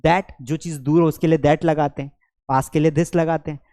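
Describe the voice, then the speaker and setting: A man's voice: fairly high pitch, fairly even intonation, normal speed, dark tone. A man teaches spoken English at a board in a classroom. He drills short sentence pairs aloud with energy and calls his students beta and bhai.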